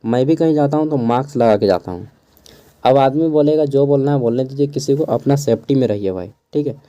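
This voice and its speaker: A young man teaching an exam-answer lesson in a casual, chatty way, keeping his voice low in a small room at home and adding asides. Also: a little fast, mellow, muffled recording. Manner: chatty, digresses with asides and chuckles; keeps his voice down so neighbours won't hear. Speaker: teacher going over an exam paper.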